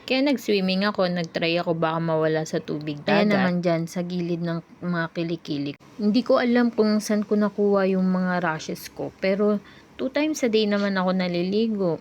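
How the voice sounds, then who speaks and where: A young woman in a casual personal vlog, talking in a soft, rambling, confiding way. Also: fairly low pitch, moderate pace, highs cut off, slight background noise. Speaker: vlogger.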